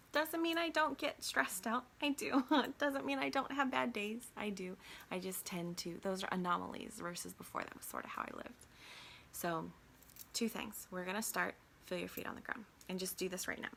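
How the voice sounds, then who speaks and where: Gravelly-voiced woman coaching calmly. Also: on the low side, slight background noise. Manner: warm encouraging, often drops to a soft half-whisper. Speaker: life coach. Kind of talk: guided grounding exercise.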